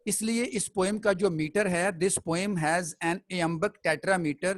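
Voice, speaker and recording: A man's voice: high-pitched, takes it slowly, rough recording. A man teaching a classroom poetry lesson. He explains step by step and keeps checking that the students follow.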